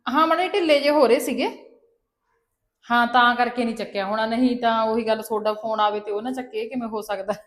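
A woman's voice: a little high, quick pace. A woman acting in a family drama, chatting politely on the phone. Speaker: actor in a family web drama. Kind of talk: scripted phone call scene.

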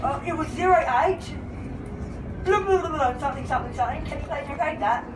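A middle-aged woman on a loud, casual phone call, brash, rambling and unruly like a drunk passenger. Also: high-pitched, quick pace. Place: inside a moving train carriage. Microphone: bystander's phone camera, a few metres away. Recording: distant phone recording in noisy, echoey train.

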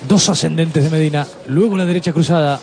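A man's voice: a little high, fast, gravelly, a little mellow. Man calling boxing, faint venue noise. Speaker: boxing play-by-play commentator. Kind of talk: terse live blow-by-blow commentary.

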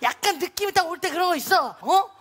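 High-voiced bossy female comedian. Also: lively intonation, quick pace, fairly bright tone. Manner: bossy, teasing, asks the audience questions. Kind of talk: stand-up comedy duet on stage.

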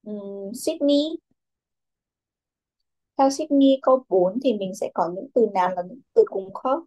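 A woman's voice: a little high, animated, measured pace, dark tone. A young woman teaching a children's English class, who calls on pupils by name, repeats their answers and mixes English words into her instructions.

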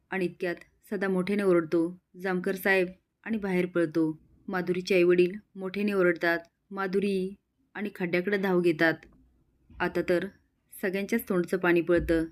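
A woman narrating an episode recap of a village TV drama, telling it briskly and quoting each character. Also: on the low side, flat delivery, a little mellow.

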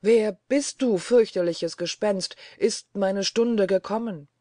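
A woman's voice: fairly low pitch, a little slow, warm tone, no echo, studio quality. Woman voicing a haunted, frantic prince. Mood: terrified. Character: haunted, terrified prince, middle-aged man.

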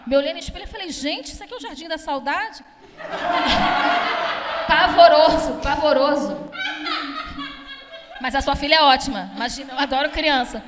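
High-voiced brash woman doing stand-up. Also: a little fast, big-room sound, very noisy. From Brazil. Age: young adult. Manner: brash, chatty, crowd-teasing, swears freely. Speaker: stand-up comedian. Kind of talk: stand-up comedy set. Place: comedy club stage. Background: audience laughter.

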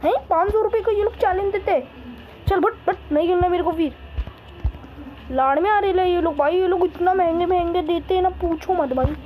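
A man voicing an excitable male cartoon cat who chatters through gameplay commentary, boastful and calling everyone brother. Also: extremely high pitch, brisk, narrow, tinny audio, a little hiss or hum. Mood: excited chatter. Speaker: gaming video host.

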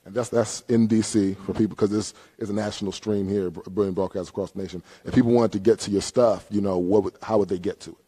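40s guy doing a chatty interview, low dark husky voice, handheld mic on a stage. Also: fairly even intonation, fast, hardly any pauses. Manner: chatty, playful, ushers guests along. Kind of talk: casual interview. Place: concert hall stage.

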